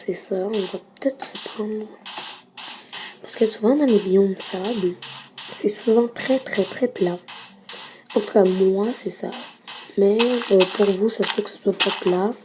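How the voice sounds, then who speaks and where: Slow, hesitant woman gamer. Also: mid-range voice, fairly even intonation. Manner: hesitant, many filler pauses. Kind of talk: casual gameplay commentary. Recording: loud background noise, mouse clicks.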